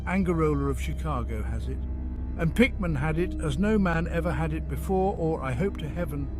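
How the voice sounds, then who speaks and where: A man voicing an agitated, confiding gentleman in a dramatic first-person horror audiobook narration, conversational and emphatic. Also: on the high side, animated, moderate pace, close to an everyday voice. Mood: confiding, intense. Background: music under the voice.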